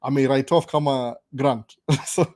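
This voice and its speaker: A man's voice: mid-range voice, fairly even intonation, unhurried, dark tone. A young adult man with a Kenyan accent hosting a casual live stream, switching between Swahili and English and stammering through restarts. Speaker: host.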